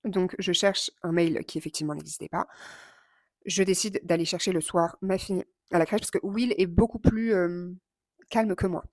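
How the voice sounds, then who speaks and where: Woman, 30s, fiery vlog storyteller, quick mimicry, dry close sound. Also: fairly low pitch, dry recording. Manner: animated, impulsive, swears and mimics others. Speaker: vlogger.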